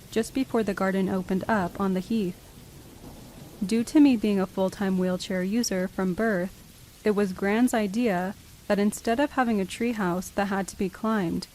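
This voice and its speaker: A woman's voice: mid-range voice, darkish tone, slight background noise, poor audio. A woman reading first-person scary stories as a scripted narration. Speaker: horror story narrator.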